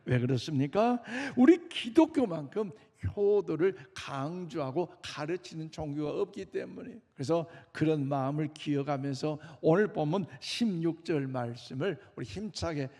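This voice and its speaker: Guy preaching sunday sermon, gravelly voice, kinda high, big church echo. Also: animated, moderate pace, few pauses, mellow. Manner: earnest, emphatic preaching with frequent address to the congregation. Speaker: pastor. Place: church sanctuary. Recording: long reverb of a church hall.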